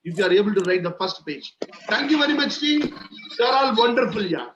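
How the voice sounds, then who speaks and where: A man's voice: sits high, animated, quick pace. Man, Indian accent, interactive teaching, repeated encouraging phrases, dull call audio, faint noise. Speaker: wellness session leader. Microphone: video call.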